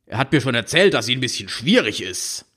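A man's voice: mid-range voice, big pitch swings, fairly quick, fairly bright tone, breathy edge. Man doing easygoing middle-aged uncle, matter-of-fact, reassuring, plain voice. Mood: calm.

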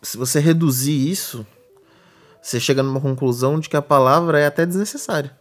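A man's voice: a little high, brisk. A man with a Brazilian Portuguese accent, co-hosting a podcast and patiently explaining ideas with everyday examples. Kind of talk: casual explanatory chat.

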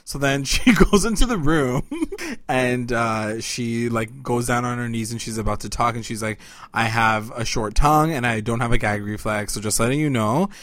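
A man's voice: mid-range voice, fairly bright tone, dry recording. A man casually recapping a TV episode with a co-host, loose and chatty with lots of "like". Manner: laid-back, heavy use of "like", quick laughs.

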